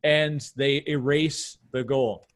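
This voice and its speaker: A man's voice: mid-range voice, takes it slowly. Canadian man hosting a podcast. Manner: animated, lots of restarts and emphatic asides. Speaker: podcast host. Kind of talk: casual podcast conversation.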